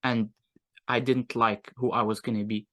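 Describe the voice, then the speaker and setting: A man's voice: mid-range voice, flat delivery, normal speed, fairly bright tone. A young man with a Moroccan accent, telling his own story candidly in an interview in a reflective, casual way. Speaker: guest, agency owner.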